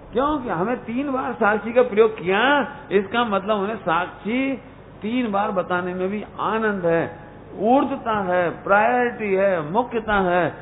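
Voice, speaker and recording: A man giving a religious discourse to students, often questioning his listeners and chuckling at his own points. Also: high voice. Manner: questioning the listeners, calling them "beta". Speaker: Jain religious teacher. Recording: tinny phone-like lecture recording with faint hiss.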